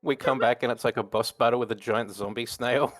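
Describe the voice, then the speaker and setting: A man's voice: mid-range voice, fairly even intonation, fairly quick, soft background music. A man playing a tabletop game, chatting and joking casually. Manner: joking, laughing storyteller. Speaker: player.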